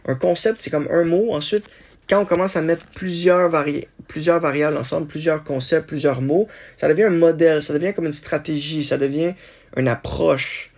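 A man hosting a solo podcast, thinking aloud in a halting way with many restarts. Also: fairly high pitch, fairly even intonation. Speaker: podcast host.

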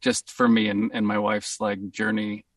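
A man with a Boston accent, a voice actor, talking in a casual interview in an upbeat, excitable way and laughing easily. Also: on the low side, measured pace, no echo, clean studio sound, recorded from a distance. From Boston, USA. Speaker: voice actor guest.

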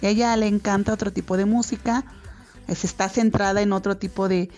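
A Mexican-accented woman delivers a casual radio monologue of advice for parents in the studio, earnest yet rambling with frequent fillers and restarts. She speaks briskly at medium pitch with fairly even intonation and a slightly mellow tone, faint music behind her.

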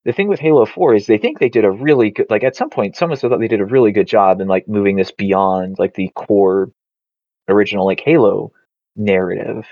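Deep-voiced man on a video call. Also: fairly quick, dry recording. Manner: rambling, many "like" fillers. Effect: heard over a video call. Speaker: podcast co-host. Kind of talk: casual chat about video games. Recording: dull, lo-fi call audio.

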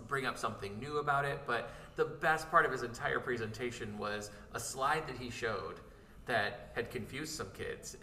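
A man with a bright, forceful voice, telling a story with enthusiasm. He sounds set back from the mic in an echoey room. A faint hum of ambience sits behind him. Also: medium pitch. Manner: enthusiastic recounting. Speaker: educator, podcast guest. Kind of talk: casual chat, storytelling. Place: conference venue. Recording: roomy, distant mic with background ambience.

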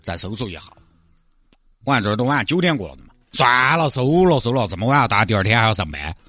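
A man with a Sichuan accent acting out a comic scene, loud, theatrical and mock-mournful. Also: medium pitch, sing-song, fast talker, no room sound, soft background music. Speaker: comic storyteller.

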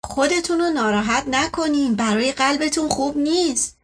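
A woman's voice: high voice, lightly acted. Woman doing a flustered, soothing doctor. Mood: placating. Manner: placating, repeating reassurances.

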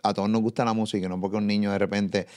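Brash host, quick talker. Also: male voice, lowish voice, little pitch movement, a little mellow. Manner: brash, joking, heavy slang. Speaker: interviewer host. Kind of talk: casual interview chat.

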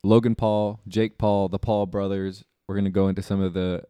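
A young man co-hosts a casual podcast, leading segments like an announcer and slipping in deadpan jokes. His voice sits fairly low and sounds dry and close. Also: moderate pace, smooth, no room sound. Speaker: podcast co-host.

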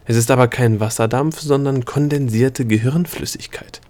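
A man's voice: mid-range voice, normal speed, a little mellow, natural voice. A man doing a snappish know-it-all gnome. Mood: lecturing. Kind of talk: audiobook reading.

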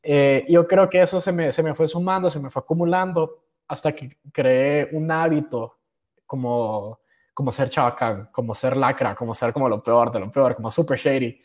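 A man's voice: mid-range voice, fairly even intonation, normal speed. Slangy young Honduran man. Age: young adult. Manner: slangy, self-mocking, peppered with English words. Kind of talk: casual storytelling.

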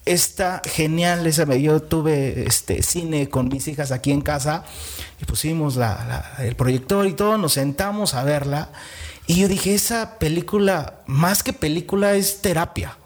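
A man with a Mexican accent hosting a conversational talk show, lively and acting out quoted voices, with fillers. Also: a little high, unhurried. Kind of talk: conversational interview.

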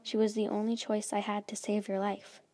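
A woman's voice: mid-range voice, monotone, normal speed, a little mellow, lightly acted. A woman reading a regretful magical protector. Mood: apologetic.

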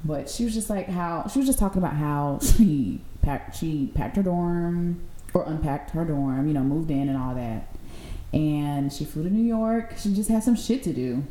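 American woman cohost, low-ish mellow voice, very animated, blunt and slangy, roomy sound. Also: moderate pace. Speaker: co-host. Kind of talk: casual chat, reacting. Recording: roomy echo, faint background noise.

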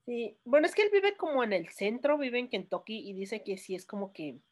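A woman with a Mexican accent hosting a casual podcast chat, telling stories in a relaxed, joking way. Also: on the high side, moderate pace. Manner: relaxed, storytelling with jokes. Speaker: podcast host.

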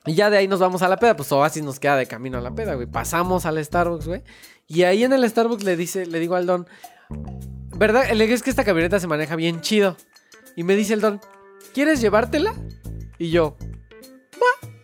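A young man from Mexico with a Mexico City accent, telling a story in casual chat, slangy and animated, often laughing. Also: high-pitched, fast, faint music behind. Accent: Mexico City Spanish.

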